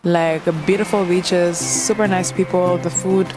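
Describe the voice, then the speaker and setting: A woman's voice: fairly low pitch, steady tone, unhurried. Young woman from Mozambique, singer hosting a casual Q&A vlog, playful and chatty, faint music underneath. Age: young adult. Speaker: singer-songwriter.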